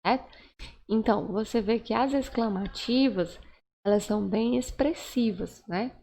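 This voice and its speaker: A woman's voice: a little high, creaky, dark tone, a little hiss or hum. A woman teaching a grammar lesson, patiently checking in with her listeners and acting out the example sentences. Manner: slow, patient, checks in with "né?" and "certo?"; acts out example sentences with raised, stretched intonation. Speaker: Portuguese teacher. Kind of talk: recorded online grammar lesson.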